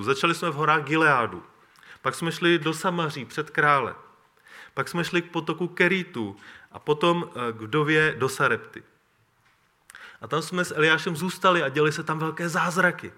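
A man reading a Bible story aloud and reflecting on it as a teacher, in a measured storytelling manner. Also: a little high, bright, forceful tone. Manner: measured storytelling with occasional throat clearing.

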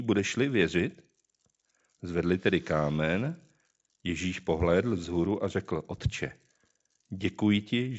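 A man's voice: low-pitched, dull audio. A man reading a scripture passage aloud and then preaching on it, drawing listeners in with rhetorical questions.

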